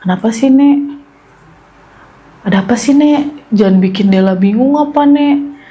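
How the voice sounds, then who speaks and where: A woman's voice: a little high, unhurried, dark tone, pitched above the performer's own voice, lightly acted. A woman voicing a frightened, curious little girl pestering her grandmother with anxious questions. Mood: pleading.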